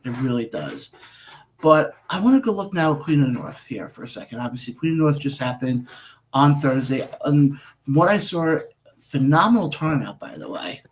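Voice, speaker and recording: A man's voice: fairly high pitch, expressive, moderate pace, low-quality recording. A man hosting a wrestling radio show, asking questions and telling stories in a chatty way. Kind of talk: casual interview talk.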